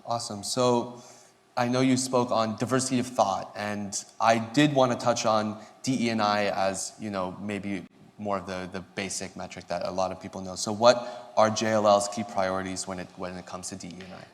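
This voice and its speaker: Young man interviewing, lowish voice. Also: fairly even intonation, moderate pace. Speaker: interviewer, student program director. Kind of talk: fireside chat interview. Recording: reverberant hall sound.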